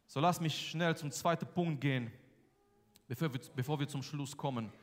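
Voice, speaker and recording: A man's voice: a little high, normal speed. Guy preaching in a big echoey church hall, hammers words again and again. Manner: emphatic, repeats key phrases, swings between loud and soft. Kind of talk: sermon. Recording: long hall reverb.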